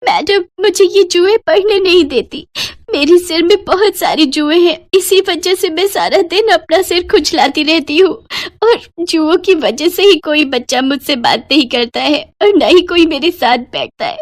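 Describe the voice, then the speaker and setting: A woman's voice: high-pitched, fairly even intonation, slow pace, dry recording. A woman voicing a shy, eager young schoolgirl in a cartoon, speaking politely and timidly. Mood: sad. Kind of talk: cartoon voice acting.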